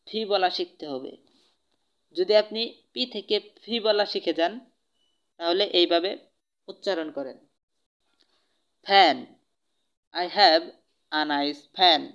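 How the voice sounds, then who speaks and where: Slow, careful Bengali-accented teacher. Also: medium pitch, clear, resonant tone, muffled recording. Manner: slow, careful drilling of words and example sentences. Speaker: spoken English teacher. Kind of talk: pronunciation lesson.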